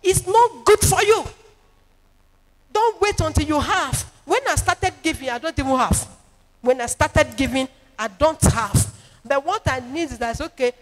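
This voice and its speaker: A woman's voice: sits high, normal speed. A woman with a Nigerian English accent preaching a sermon as a prophetess, emphatic and repetitive with sing-song rises. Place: church. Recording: long reverb in a church hall with music.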